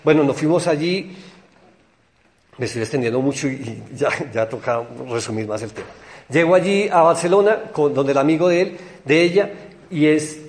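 A young Colombian man telling a personal anecdote in a rambling, excitable way. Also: fairly high pitch, a little hiss or hum. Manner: excited, rambling, quick storytelling with laughs.

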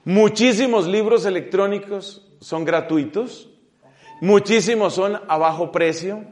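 Man, priest, fairly high voice, middle-aged, emphatic retreat talk, stretched words, trailing off soft. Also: measured pace. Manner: emphatic, drawing out key words then dropping his voice. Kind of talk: spoken retreat talk to clergy.

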